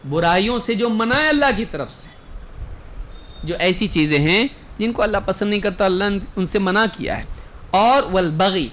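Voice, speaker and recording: Male Islamic scholar giving a lecture, fairly high voice, reads out scripture slowly, asks the audience rhetorical questions. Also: fairly bright tone, slight background noise. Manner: explains Quranic verses with rhetorical questions and everyday examples; recites Arabic verses slowly, then explains them. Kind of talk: religious lecture.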